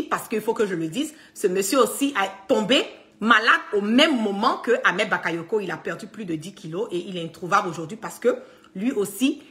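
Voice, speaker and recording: A woman's voice: medium pitch, pushed and bright. A woman talking casually to her followers in a video, emphatic and insistent, often stopping to restart and filling gaps with small filler words. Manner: heavy use of fillers and restarts. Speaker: online political commentator.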